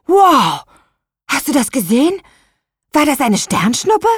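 An excitable young boy, voiced by a woman, pitched up and loud in a children's audiobook. He sounds eager and impatient, and his pitch swings widely. The sound is close and dry. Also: normal speed, no room sound. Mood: excited. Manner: eager, exclaiming. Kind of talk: audiobook character voice.

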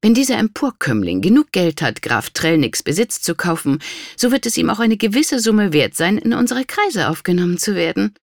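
Haughty, vicious baroness, as an audiobook reader puts her on; high, cutting, prone to hissed threats. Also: sing-song, moderate pace, no echo, studio quality. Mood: imperious. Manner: hissing whispers and shrill outbursts. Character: cruel scheming noble lady, imperious.

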